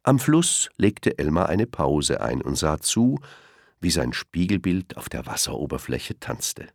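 A man narrating a children's storybook with expressive, lilting delivery. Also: rumbling low, measured pace, creaky, no room sound, studio quality.

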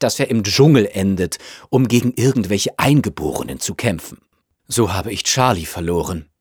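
A man's voice: lowish voice, breathy edge, no echo, studio quality. A man voicing a snobbish, self-absorbed upper-class mother who chatters in a gushing, fussy way. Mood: gossiping.

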